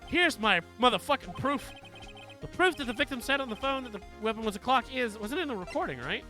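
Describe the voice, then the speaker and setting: A woman's voice: on the high side, lively intonation, fairly quick, bright, forceful tone, faint music behind. A woman voicing an earnest, cocky young male defense lawyer who presses and accuses in a live game read. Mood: pressing. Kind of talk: live game voice-over reading.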